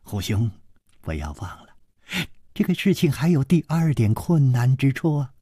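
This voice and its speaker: A male storyteller voicing a courteous, scheming young man who speaks softly and with drawn-out chuckles, in a traditional storytelling performance. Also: medium pitch, sing-song, slightly rough, no echo, clean studio sound. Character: polite scheming young male host, smiling.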